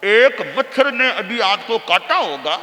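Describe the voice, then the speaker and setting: A man's voice: high voice, lively intonation, takes it slowly, sharp tone, in a large hall, heavily acted, rough recording. A man voicing a frightened young male disciple, calling out in urgent, pleading tones. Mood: marveling.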